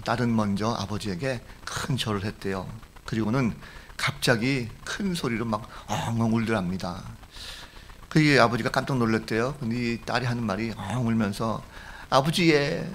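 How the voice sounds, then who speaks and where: A man's voice: on the low side, a bit bright, a little hiss or hum. A middle-aged male pastor preaching a sermon in a church, telling humorous stories and acting out the voices of the people in them. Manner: storytelling with jokes, acting out quoted voices. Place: church sanctuary.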